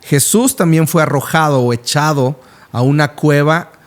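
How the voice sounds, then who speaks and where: A man's voice: on the high side, normal speed. A man co-hosting a casual Bible discussion podcast, who affirms his co-host and explains scripture in a conversational way.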